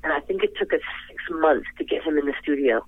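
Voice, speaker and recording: Heard over a tinny, dry phone line, an older female singer talks quickly in a low, husky voice as an interview guest. She gushes, rambles, and laughs frequently.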